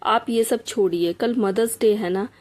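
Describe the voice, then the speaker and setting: A woman reading a storybook aloud, voicing an earnest young man who gently pleads with his older brother. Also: medium pitch, a little slow, lightly acted.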